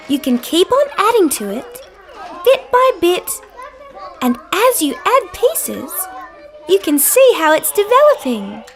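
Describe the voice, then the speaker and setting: A woman voicing a cheerful, gentle female dinosaur who narrates for small children in a sing-song, encouraging way. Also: extremely high pitch, exaggerated voice. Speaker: children's show character.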